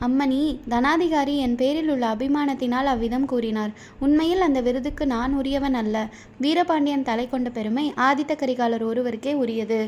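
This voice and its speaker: A woman's voice: sits high, moderate pace, a little mellow, a little hiss or hum, lightly acted. A woman voicing an earnest, respectful young male warrior in a storybook reading. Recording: dull lo-fi recording.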